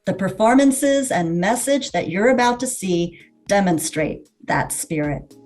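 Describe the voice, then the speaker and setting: A woman on a school's staff giving a prepared welcoming speech in an earnest, measured way. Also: mid-range voice, lively intonation, darkish tone, faint music behind. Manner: earnest, measured, listing values one by one.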